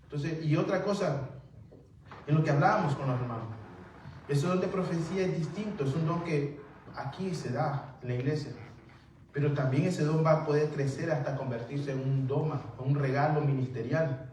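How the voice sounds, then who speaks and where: A man's voice: fairly high pitch, normal speed, a little mellow, a little hiss or hum. A male pastor giving a conversational sermon, often calling listeners "brother" and acting out little dialogues. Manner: keeps addressing listeners as "hermano", acts out dialogues. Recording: very echoey hall, voice from far off.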